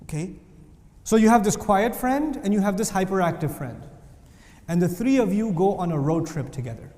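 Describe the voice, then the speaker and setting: A man giving a lively Islamic lesson, telling stories with acted-out voices, recorded in a reverberant lecture hall. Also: high voice, normal speed. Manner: animated storytelling with voices and jokes. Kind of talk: lively religious talk. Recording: reverberant hall with faint noise.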